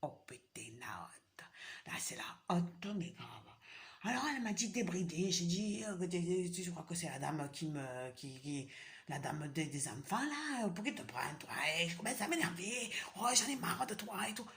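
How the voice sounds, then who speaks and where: A woman ranting to her viewers in a casual monologue, swearing a lot and swinging between loud exclamations and hushed whispers. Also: on the low side, expressive, a little slow. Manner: swears often, repeats words for effect. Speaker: vlogger.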